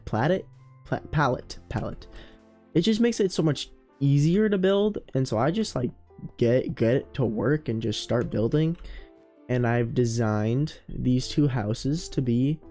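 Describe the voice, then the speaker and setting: A man's voice: medium pitch, mellow. A man hosting a let's play, giving casual commentary as he builds and thinking aloud, often trailing off, restarting and correcting himself. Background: faint background music.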